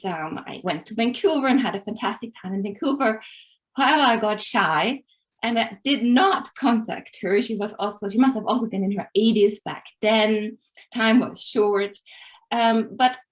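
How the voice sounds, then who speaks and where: Hesitant Austrian-born woman presenter. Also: mid-range voice. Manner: thoughtful, with frequent hesitations. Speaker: landscape architect tour guide. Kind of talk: casual presentation.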